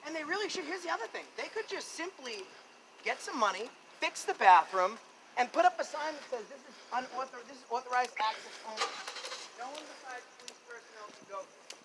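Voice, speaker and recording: Auditor type, man with a high voice, confrontational, recorded outside on a phone with heavy noise. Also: very animated, brisk. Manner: loud, confrontational and lecturing. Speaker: first amendment auditor. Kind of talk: filming a confrontation with police. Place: outdoors at a police station.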